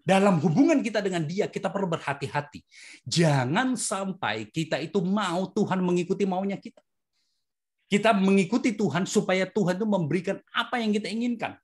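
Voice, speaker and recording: Brief: chatty Indonesian preacher, conversational sermon, voice leaps high and sinks low, checks in with the listeners often. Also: animated, a little fast. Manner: keeps asking listeners "right?"; swings between high and low pitch.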